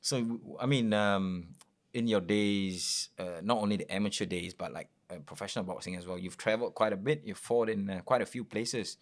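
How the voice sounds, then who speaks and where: A man's voice: fairly low pitch, a little fast. A man hosting a casual interview, laid-back and slangy. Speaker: podcast host.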